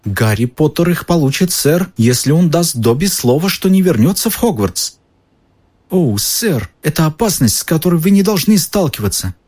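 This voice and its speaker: Dobby the house-elf, high squeaky voice, anxious and pleading, husky edge. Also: male voice, big pitch swings, normal speed, a little mellow. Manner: pleading, calls the listener sir.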